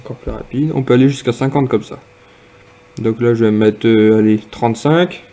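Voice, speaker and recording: A man casually demonstrating and reviewing a piece of gear, speaking hesitantly with frequent pauses and fillers. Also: medium pitch, mellow, slight background noise. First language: French. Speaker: product reviewer.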